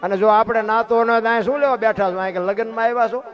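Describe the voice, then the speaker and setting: A man's voice: high voice, fairly even intonation, rapid-fire, dull audio, over music. A man telling folksy devotional stories, fervent and earthy, sometimes stretching lines into sung bhajan phrases. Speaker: dayro storyteller and bhajan singer.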